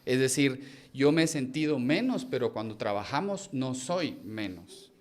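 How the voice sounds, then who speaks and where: Reflective Guatemalan man, mid-pitched voice. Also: animated, measured pace. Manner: reflective, hesitant with many "eh" fillers. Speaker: actor and acting teacher. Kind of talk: casual conversation.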